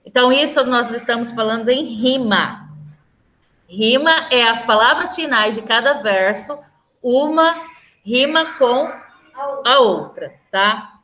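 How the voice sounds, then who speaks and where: A woman's voice: high-pitched, bright, forceful tone. A woman with a Brazilian Portuguese accent, a teacher explaining a lesson patiently and often checking that the class follows.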